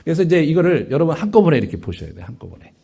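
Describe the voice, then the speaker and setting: Male pastor, sermon lecture, animated delivery, slightly high voice with wide swings. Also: racing, vocal fry, husky. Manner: animated, rising and falling sharply in pitch and loudness, rhetorical "예?" asides.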